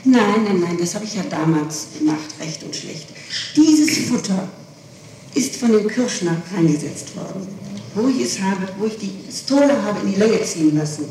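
This middle-aged woman speaks in a mid-range, dark, expressive voice at an ordinary pace while a prosecutor questions her. Insistent and repetitive in her explanations, she was captured far from the mic in a reverberant room on distant, echoey, noisy archival tape.

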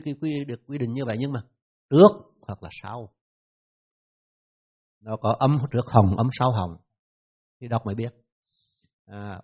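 A man with a Vietnamese accent teaching pronunciation in a classroom lesson, repeating each sound slowly for his students. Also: mid-range voice, a little mellow.

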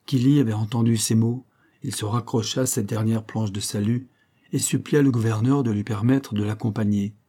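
Man with a dark, husky reading voice. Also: on the low side, fairly even intonation, normal speed. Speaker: narrator. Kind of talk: audiobook story narration.

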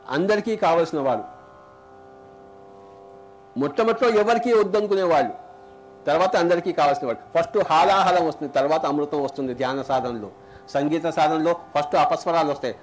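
High-voiced Telugu-accented spiritual teacher. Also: male voice. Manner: rhetorical questions, repeats lines for emphasis; chants Sanskrit verses slowly, drawn out. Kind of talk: spiritual discourse.

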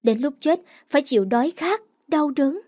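A woman narrates a first-person audiobook story in a high, bright voice. She turns emotional and pleading in the heated parts. The recording is close and dry, with no room sound. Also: lively intonation, moderate pace, no echo.

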